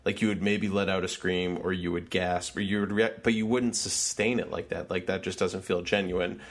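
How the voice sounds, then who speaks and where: Brief: male co-host, very deep voice, easygoing side comments. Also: fairly even intonation, normal speed. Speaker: podcast co-host. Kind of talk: casual chat.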